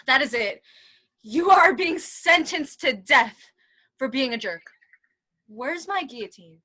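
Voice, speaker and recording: Woman playing a shrill, melodramatic, wailing king. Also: animated, takes it slowly, pushed and bright, heavily acted. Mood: outraged. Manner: over-the-top, wailing. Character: melodramatic, childish, doting king prone to wailing. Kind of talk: broad stage comedy acting.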